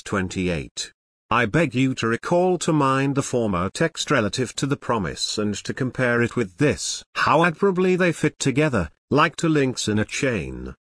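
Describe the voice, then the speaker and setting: A man reading a religious book aloud, measured and earnest, slowing down for each scripture citation. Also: mid-range voice, a bit bright, dry recording, clean studio sound. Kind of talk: audiobook reading of apologetics.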